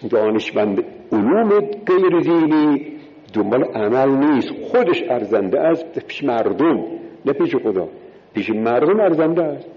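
A man delivers a religious sermon, counting off his points and driving each one home by repeating it. His voice has a gravelly edge. It rings out with a long reverb in a lo-fi recording. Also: fairly high pitch. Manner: emphatic, repeats key words, counts points in order. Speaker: preacher.

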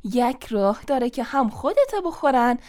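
A woman with an Afghan Dari accent hosting a children's show, gently explaining and soothing. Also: fairly high pitch, lively intonation. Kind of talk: scripted children's TV chat.

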